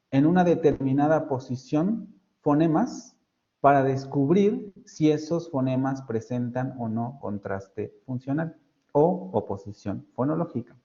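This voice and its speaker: Docente universitario mexicano, voz grave y suave, explica con calma en una clase por videollamada. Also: male voice, mid-range voice, muffled recording. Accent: Mexican Spanish. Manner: questioning students, then explaining at length. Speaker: university phonetics teacher. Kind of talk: online class lecture. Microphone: video call audio.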